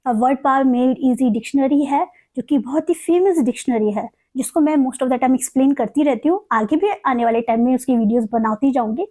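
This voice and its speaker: A woman teaching an exam-prep English lesson, explaining step by step, asking questions and answering them herself, and stretching the example words out slowly. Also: high voice, darkish tone.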